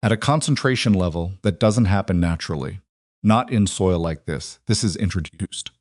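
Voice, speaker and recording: A man voicing a steady, sure woman rancher. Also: low voice, moderate pace, no echo, studio quality, close to an everyday voice. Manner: calm, precise, matter-of-fact. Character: determined woman rancher, quietly sure of herself. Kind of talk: audiobook narration.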